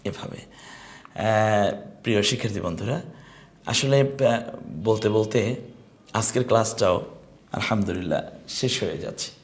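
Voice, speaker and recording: Speaking in a lowish voice, this middle-aged man leads an online Quran lesson. He walks through pronunciation, saying each letter sound slowly and with emphasis.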